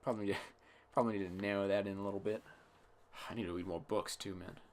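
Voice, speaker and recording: A tired young man rambling casually on a solo podcast, thinking aloud in a self-deprecating way, with a slightly cracky voice and soft, imprecise R sounds. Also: low voice, steady tone, quick pace, a little hiss or hum. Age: young adult. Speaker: podcast host. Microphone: close podcast microphone.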